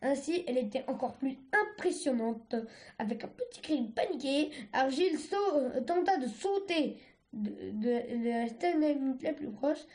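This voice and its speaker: A woman reading a storybook aloud in a halting way, often stumbling and restarting words. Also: high-pitched, lively intonation, darkish tone. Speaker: reader.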